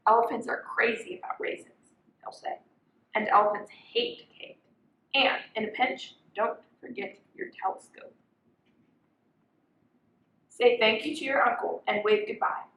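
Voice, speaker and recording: A young adult woman volunteers as a storyteller, reading a children's picture book out loud. Her voice is slightly high and somewhat bright, and the recording sounds roomy and echoing.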